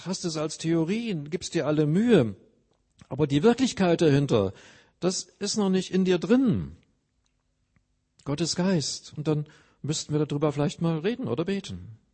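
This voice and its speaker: A man's voice: on the high side, warm tone, breathy edge. A man preaching a sermon, earnestly explaining scripture with everyday examples.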